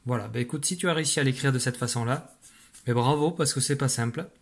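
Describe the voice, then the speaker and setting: A man's voice: mid-range voice, fast, vocal fry. A man teaching a children's dictation lesson, patiently spelling words syllable by syllable. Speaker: primary school teacher.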